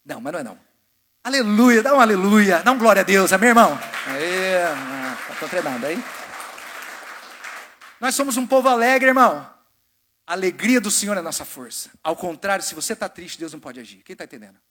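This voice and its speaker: Brazilian pastor, high and bright. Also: male voice, very animated, fairly quick, some chatter behind, slight background noise. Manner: exhorting, call-and-response with congregation; swings between loud preaching and quiet asides. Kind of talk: sermon. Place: church sanctuary.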